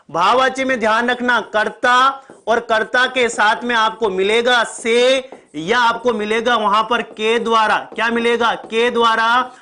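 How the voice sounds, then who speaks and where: High-voiced male teacher with a sore throat. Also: bright, forceful tone. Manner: repeats key points, asks the class to answer quickly. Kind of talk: online exam-prep grammar lesson.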